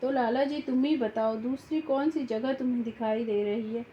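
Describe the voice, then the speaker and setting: A woman's voice: fairly high pitch, normal speed, a little hiss or hum, close to an everyday voice. A woman voicing an irritable young male student in an audiobook, speaking curtly and sulkily. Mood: irritated. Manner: sulky, curt, annoyed. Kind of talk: audiobook reading. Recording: roomy, slightly dull home recording.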